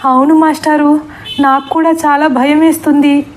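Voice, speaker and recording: A woman's voice: sits high, little pitch movement, moderate pace, a little hiss or hum, pitched above the performer's own voice, close to an everyday voice. A woman voicing a frightened female schoolteacher who asks tearful, fearful questions.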